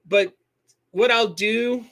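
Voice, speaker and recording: A man from Michigan runs a live question-and-answer stream, talking loosely and correcting himself as he goes. His voice sits fairly high and sounds bright and forward. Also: slow. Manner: rambling, self-correcting, reads chat names aloud. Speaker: host answering viewer questions.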